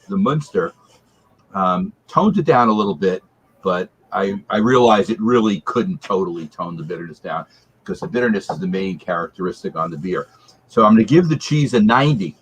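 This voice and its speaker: A man on a video call with a heavy reverb echo on his audio, giving a casual, measured beer and cheese review with scores point by point. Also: low voice, a bit bright, slightly rough. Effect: reverb-heavy echoey sound. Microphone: video call microphone.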